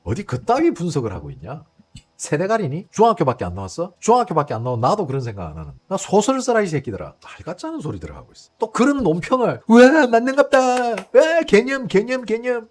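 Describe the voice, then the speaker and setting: A man's voice: a little high, darkish tone, slightly rough. A man hosting a political commentary livestream, blunt and profane, firing off rhetorical questions. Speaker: host.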